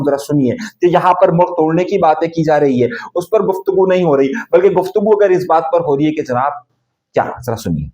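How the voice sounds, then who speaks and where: A man's voice: on the high side, a little mellow. A man delivering a political news commentary, emphatic and speaking straight to viewers with rhetorical questions.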